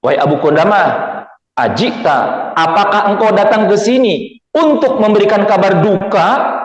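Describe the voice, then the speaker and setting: A mother in a retold story pleads in a raised, high voice, as a male preacher acts her out. The words ring through a large hall with a long echo behind them. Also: animated, normal speed, recorded from a distance, dull audio. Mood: earnest pleading. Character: grieving mother proud of a martyred son.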